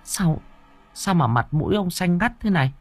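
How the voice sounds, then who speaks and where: A man's voice: high voice, animated, normal speed, slightly rough, no echo, pitched above the performer's own voice, full character voice. A man voicing a frightened elderly village wife in an audiobook horror tale, talking in a panicky, pleading way. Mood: shocked.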